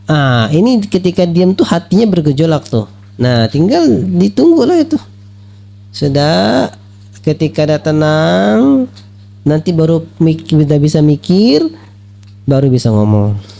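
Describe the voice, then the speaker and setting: A man preaching at a religious study lecture, lively and full of rhetorical questions, acting out the voices he quotes. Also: fairly high pitch, creaky. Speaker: Islamic preacher.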